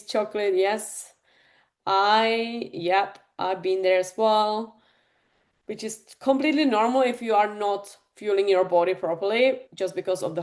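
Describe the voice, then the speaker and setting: A woman hosts a live online nutrition class, talking straight to her viewers in a loose, filler-heavy chat. Her voice sits at an ordinary middle pitch for a woman, and it comes through a video-call microphone. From Czech Republic. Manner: chatty, addresses the audience directly with many fillers. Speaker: fitness and nutrition coach. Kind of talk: live online masterclass talk.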